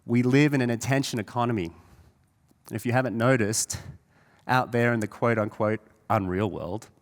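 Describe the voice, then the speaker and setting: A man's voice: mid-range voice, normal speed. A man hosting a live conference, giving an earnest welcome speech that rouses the audience before the first guest. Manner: earnest, rousing address to the audience. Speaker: event host. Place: large event hall with live audience. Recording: long hall reverb.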